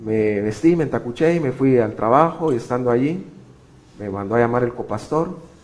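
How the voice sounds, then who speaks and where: A middle-aged man preaching a sermon, telling a personal story with sudden swings between loud emphasis and hushed passages. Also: mid-range voice, moderate pace. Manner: animated, shifting sharply between loud emphasis and quiet. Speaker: pastor.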